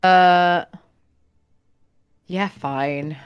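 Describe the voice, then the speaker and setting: A woman's voice: fairly low pitch, steady tone, very slow, clear, resonant tone, no room sound, muffled recording. A woman chatting casually as a player in a tabletop game, describing what her character does.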